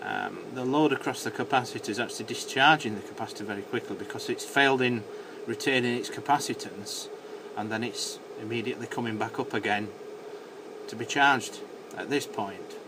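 At his indoor electronics bench, a repair technician walks through an off-the-cuff, straightforward technical demo. He talks fairly quickly in a mid-range voice. The workshop audio comes from a handheld camera and is noisy, with distinct background noise.

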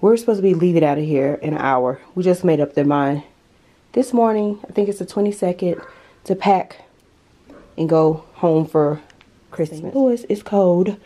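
A lifestyle vlogger walks through her apartment with a handheld compact camera, chatting and gushing during a casual home tour. Her voice is lowish and dark in tone, with lively intonation at a normal speed.

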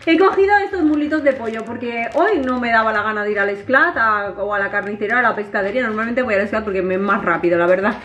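Chatty high-voiced Spanish woman. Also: quick pace, hardly any pauses, highs cut off. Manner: chatty, animated, addresses viewers directly. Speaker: vlogger. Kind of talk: casual home vlog chat. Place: home kitchen.

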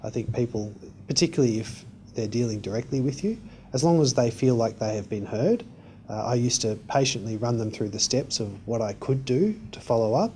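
A man politician giving a steady, explanatory interview answer. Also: mid-range voice, a little fast, a little hiss or hum.

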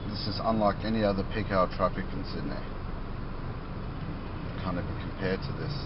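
A man's voice: low voice, moderate pace, muffled recording, very noisy. A man filming his family on a home video and chuckling often as he talks, heard through old camcorder audio. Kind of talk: casual home-video chatter. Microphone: built-in camcorder mic.

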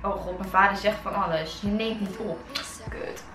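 A woman's voice: medium pitch, fairly even intonation, moderate pace, recorded from a distance. A teenage Dutch girl vlogging casually, giggly and nervous as she pranks people by text, often swearing. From Netherlands. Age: teens. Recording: roomy, from the mic, music behind.

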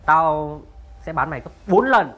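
A man playing a cruel male kidnapper and bully who sneers and shouts threats. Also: fairly high pitch, lively intonation, a little slow. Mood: menacing. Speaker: kidnapper villain, then rude customer. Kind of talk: web drama acting.

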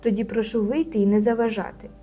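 A woman voicing a strict camp counselor in a storybook reading, scolding loudly. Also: fairly even intonation, fast talker, soft background music, close to an everyday voice. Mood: irritated. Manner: scolding, shrill when shouting.

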